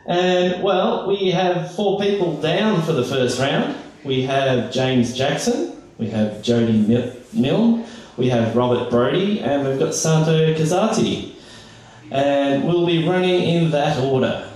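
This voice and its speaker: A man's voice: a little high, lively intonation, slow pace, darkish tone. A man hosting a poetry slam, announcing to the venue and often repeating himself. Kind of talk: live event announcing. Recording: very echoey hall, distant microphone.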